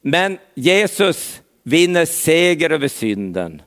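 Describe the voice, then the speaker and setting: Man, preacher, sermon, earnest, talks to listeners by name, slightly high voice. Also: very animated, a bit bright.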